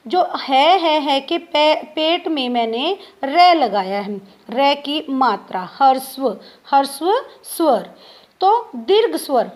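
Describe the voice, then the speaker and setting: A woman teacher giving a grammar lesson to students, spelling out sounds one by one. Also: sits high. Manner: slow, spells out sounds letter by letter.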